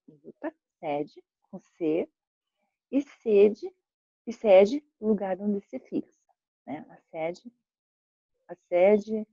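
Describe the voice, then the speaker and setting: A woman's voice: mid-range voice, warm tone, no echo. A Brazilian woman teaching a school grammar lesson, patiently repeating examples and checking in with her students as she goes. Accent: Brazilian Portuguese. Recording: dull lo-fi recording.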